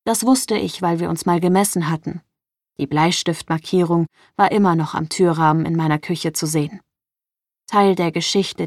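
A woman's voice: lowish voice, no echo. Woman narrating an audiobook, dry sound. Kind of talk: first-person audiobook narration.

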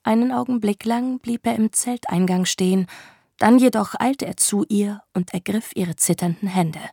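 A woman narrating a dramatic story in a slow, hushed manner. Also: mid-range voice, vocal fry, husky, no room sound, clean studio sound.

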